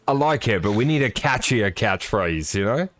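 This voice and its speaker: A man's voice: fairly low pitch, animated, normal speed, fairly bright tone, no echo. A man giving live, chatty sim racing commentary with jokey, apologetic asides.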